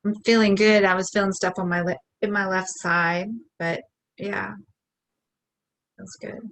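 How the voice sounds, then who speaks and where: A woman with a mid-range voice follows a tapping session, echoing each affirmation back at an easy pace. Afterwards she talks in a relaxed, casual way and laughs readily. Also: medium pitch, a little slow. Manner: relaxed, laughs easily, repeats phrases back. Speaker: co-host of a tapping challenge. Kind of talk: repeating tapping affirmations, then casual chat.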